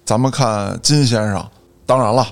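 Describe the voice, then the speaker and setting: A man's voice: mid-range voice, normal speed, soft background music. A man chatting emphatically as a panelist on a talk show. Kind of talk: casual chat.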